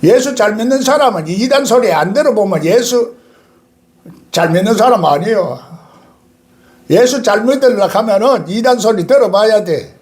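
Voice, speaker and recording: An older man, a pastor preaching a sermon with sudden loud outbursts and laughter. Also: high-pitched, lively intonation, normal speed.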